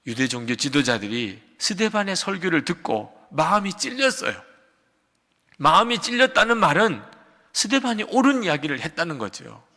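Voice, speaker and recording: An older man preaching a sermon as pastor, moving between loud emphatic peaks and quiet low asides. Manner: acts out a shouting quarrel in quotes. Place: large church sanctuary. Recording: long hall reverb of a church sanctuary.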